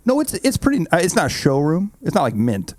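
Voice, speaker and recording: A man's voice: fairly high pitch, wildly swooping pitch, brisk, darkish tone, no room sound. A man co-hosting a podcast, telling stories in easygoing casual chat with hesitant fillers. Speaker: podcast co-host.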